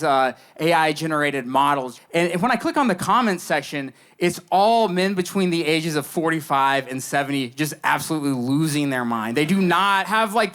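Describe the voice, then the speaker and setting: A young man doing stand-up in front of a live audience. His voice sits a little high for a man and is clean and smooth. He tells his stories in a dry, deadpan, mock-earnest way. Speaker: stand-up comedian. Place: live comedy show before an audience. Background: audience laughter between lines.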